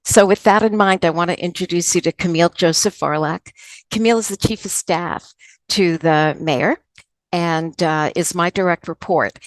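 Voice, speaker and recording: Lady introducing a speaker, earnest and from the heart, lowish voice, dry sound. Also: normal speed, no room sound. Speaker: moderator introducing a guest. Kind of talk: prepared introduction at a virtual conference. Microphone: video call.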